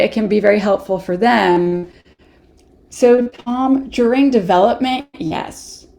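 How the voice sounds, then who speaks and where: A woman's voice: mid-range voice, vocal fry, mellow. A woman with a Canadian accent presenting a live online workshop, chatty, laughing often and answering viewer questions as she goes.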